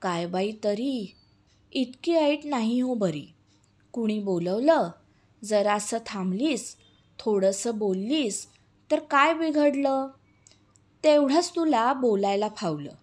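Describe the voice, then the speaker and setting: A woman reading a children's poem, voicing Panti, a kind female friend who coaxes and soothes in a gentle storybook voice. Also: a little high, lively intonation, slow. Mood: teasing.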